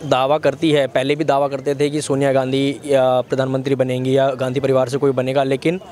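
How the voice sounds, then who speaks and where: A man's voice: mid-range voice, completely flat delivery, brisk, noisy background. A young man explaining his political analysis in a street interview, speaking into a handheld mic outdoors. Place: outdoors by a lake. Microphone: handheld mic held by interviewer.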